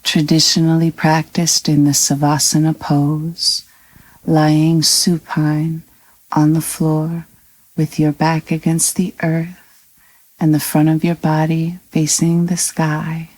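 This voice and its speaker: Guiding a scripted meditation, a low-voiced woman talks in a very slow, even way with little pitch movement. Her delivery is soothing and calm, broken by long pauses between phrases. The audio is dry and rough.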